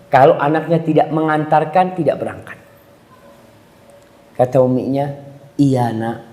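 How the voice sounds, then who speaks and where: A man preaching a sermon, telling stories with lively acted-out voices. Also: on the high side, moderate pace. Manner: animated storytelling, acting out mother and child. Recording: echoey hall with long reverb.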